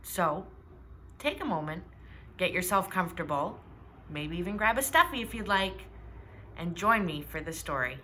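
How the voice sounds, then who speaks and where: A woman's voice: fairly low pitch, moderate pace, long pauses, a little hiss or hum. A woman reading a children's storybook aloud and asking her young listeners questions along the way. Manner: animated, asks listeners questions. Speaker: storybook reader.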